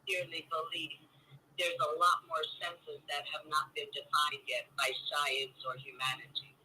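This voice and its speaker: A woman guest talking slowly and reflectively, her voice coming through a phone speaker held up to the mic, with many pauses and fillers. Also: deep voice, level tone, pushed and bright. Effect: heard through a phone speaker held up to the mic. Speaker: guest on a live stream. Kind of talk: casual conversation. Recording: distant speakerphone audio, faint noise.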